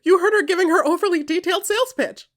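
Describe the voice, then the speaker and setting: Her voice very high and breathy, a podcast narrator performs scripted second-person fiction with intimate drama, often dropping to a whisper and delivering deliberate short phrases.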